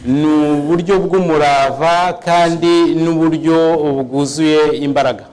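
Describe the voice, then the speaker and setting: A man's voice: a little high, fairly even intonation, takes it slowly, darkish tone, big-room sound, low-quality recording. A man interpreting a church service phrase by phrase, with small hesitations. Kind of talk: live sermon interpreting.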